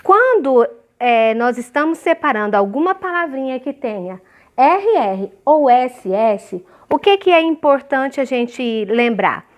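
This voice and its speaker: With a high voice that swings widely in pitch, a woman teaches young kids grammar as their primary school teacher. Her examples come slowly and split clearly into syllables, and she checks in often with "ok?" and "certo?"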